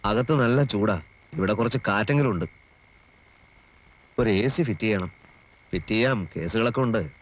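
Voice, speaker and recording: An actor playing an easygoing lawyer in a 1980s film drama, dry and sarcastic. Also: male voice, on the low side, animated, moderate pace, pauses often. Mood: relaxed.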